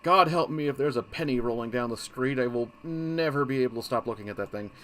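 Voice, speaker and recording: A man's voice: mid-range voice, fast talker, a bit bright. A man hosting a casual game walkthrough, rambling and easily sidetracked, often breaking off mid-thought. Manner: rambling, easily distracted, self-interrupting. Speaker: gaming channel host.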